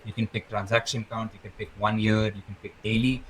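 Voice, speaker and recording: Guy on a podcast walking through data stuff step by step, lowish voice, bit of hiss behind. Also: level tone, fairly quick, poor audio. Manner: fluent, methodical, rattles off lists. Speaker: guest, crypto research lead. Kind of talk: explanatory interview talk.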